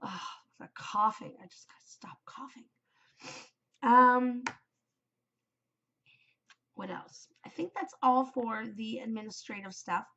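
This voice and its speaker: A knitting podcast host chats casually on her own, rambling with lots of ums, her voice congested and shot from a cold. She speaks slowly on the high side, pausing often, with a sharp tone. The audio is dull.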